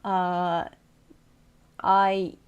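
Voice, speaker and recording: A woman's voice: fairly low pitch, flat delivery, very slow, smooth, dull audio. A woman streamer chatting casually with her viewers, playful and teasing, laughing often.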